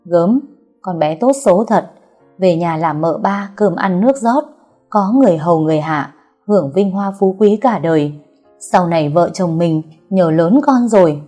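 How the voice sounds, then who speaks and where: Casting: a woman playing a tearful, pleading older wife in a storybook, warm low voice. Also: animated, moderate pace, faint music behind. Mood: scheming. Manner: pleading, wheedling.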